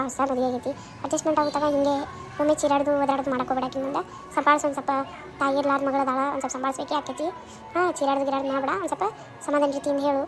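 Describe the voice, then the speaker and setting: A woman's voice: high voice, natural voice. A woman playing a worried middle-aged mother in a comedy skit, with a North Karnataka Kannada accent, lecturing and nagging. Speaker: skit actor.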